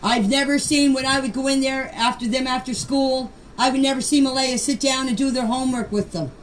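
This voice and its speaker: A high-pitched, steady-toned older woman speaks a little fast in noisy, amateur voice-message recordings. Unscripted and defensive, she relates a personal account with emphasis, repeating phrases to push her point.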